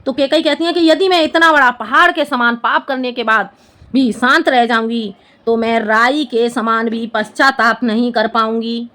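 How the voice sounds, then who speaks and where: High-voiced woman teacher explaining a poem. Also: steady tone, normal speed, pushed and bright. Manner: explains line by line, often checks understanding. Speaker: Hindi teacher. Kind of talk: classroom-style poem explanation.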